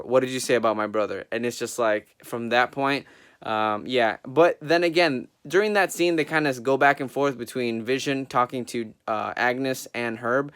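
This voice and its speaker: Guy reviewing a show, really excited, smooth clear voice, lots of ums. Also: medium pitch. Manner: enthusiastic, gushing, frequent ums and uhs. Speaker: TV review host. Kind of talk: casual solo review.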